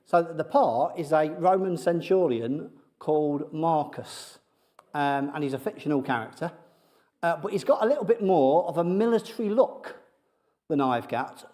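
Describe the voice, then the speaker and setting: Male preacher, slightly high voice, loose conversational sermon, self-deprecating jokes, lots of ums. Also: darkish tone. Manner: humorous, self-deprecating, many fillers. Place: church sanctuary with congregation.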